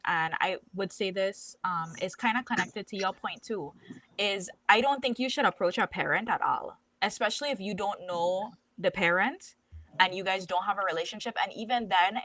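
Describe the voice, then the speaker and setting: A woman's voice: medium pitch, fairly bright tone, slight background noise. A young woman co-hosting a podcast, talking earnestly and opinionated, telling stories from her own life. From Caribbean. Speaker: podcast co-host. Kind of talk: casual podcast discussion.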